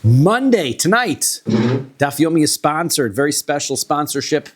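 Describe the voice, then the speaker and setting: A man's voice: a little high, big pitch swings, measured pace, slightly rough. A rabbi leading a Talmud study lesson in a conversational, joking manner, often checking in with "right?" as he explains. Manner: joking, light-hearted. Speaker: rabbi teaching a Talmud class.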